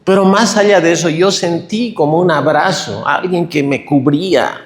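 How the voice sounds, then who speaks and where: A middle-aged man preaching a tearful, animated testimony sermon in a church hall. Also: on the high side, moderate pace. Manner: emotional, tearful, animated storytelling. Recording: echoey hall reverb.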